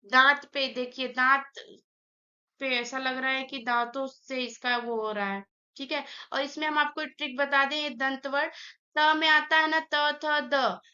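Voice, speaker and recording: A woman's voice: sits high, little pitch movement, normal speed, bright, forceful tone, muffled recording. A woman teaching an online grammar lesson, saying sounds aloud one by one and explaining each step.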